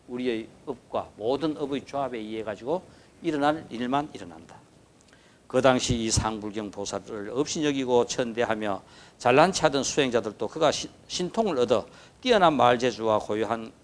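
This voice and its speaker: Animated Gyeongsang-accented male dharma lecturer. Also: medium pitch, a little hiss or hum. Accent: Gyeongsang Korean. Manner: keeps asking the listeners for agreement; emphatic, repeats key words. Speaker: Buddhist scripture lecturer.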